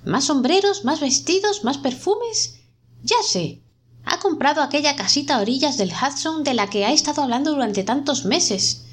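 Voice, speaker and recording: A woman voicing a panicked middle-aged husband who shouts in rising alarm. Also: fairly high pitch, wildly swooping pitch, moderate pace, slightly rough, pitched above the performer's own voice, heavily acted. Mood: frantic.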